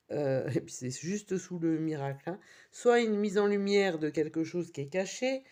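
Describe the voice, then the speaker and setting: A woman's voice: fairly low pitch, warm tone. A woman giving a weekly tarot reading, reading out card meanings with wry asides. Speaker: tarot reader.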